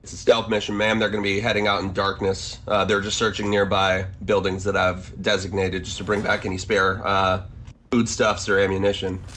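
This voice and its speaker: Man playing a low-voiced military squad commander. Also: flat delivery, fairly bright tone, slight background noise. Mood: firm. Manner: hesitant, halting reports and blunt orders. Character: male military squad commander in zombie apocalypse role-play. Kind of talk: improvised online game role-play.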